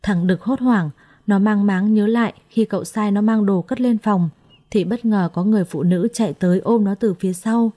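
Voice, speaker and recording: Mellow woman storyteller. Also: medium pitch, moderate pace. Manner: steady, expressive storytelling. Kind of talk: scripted narration.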